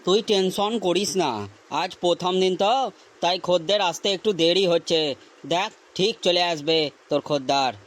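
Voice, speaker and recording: A calm, soothing shop partner, as voiced by an actor. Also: medium pitch, normal speed, slight background noise, natural voice. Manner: soothing, steady. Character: calm friend and shop partner who keeps the peace.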